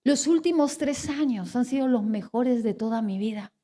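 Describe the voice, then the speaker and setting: A woman in her forties, a pastor with a Spanish accent, preaching a sermon and telling a personal testimony in an animated storytelling way, swinging between hushed and emphatic. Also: a little high, moderate pace. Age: 40s.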